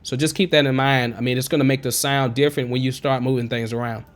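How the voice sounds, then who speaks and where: A fast-talking man in his thirties keeps his high, twangy tenor at a fairly even intonation while casually explaining music production in a screen-recorded tutorial. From his green-screen home studio, wearing headphones and speaking into a studio condenser mic with a pop filter, he stays chatty and encouraging and often digresses.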